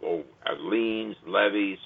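A man's voice: fairly low pitch, takes it slowly. A man explaining his work methodically as a radio interview guest, in a legalistic way, stressing certain words. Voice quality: gravelly, husky. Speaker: guest author. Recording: tinny narrow phone-like line.

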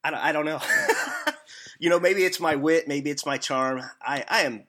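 Bright-voiced man with a hillbilly twang. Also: fairly high pitch, moderate pace. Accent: hillbilly-like Southern-sounding Missouri twang. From Missouri, United States. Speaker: podcast host interviewing a guest. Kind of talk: casual interview chat.

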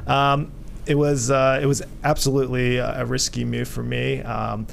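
A man from Vietnam, a company co-founder, answering radio interview questions haltingly with many fillers. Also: mid-range voice, flat delivery, vocal fry, slight background noise. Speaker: guest, hotel company co-founder.

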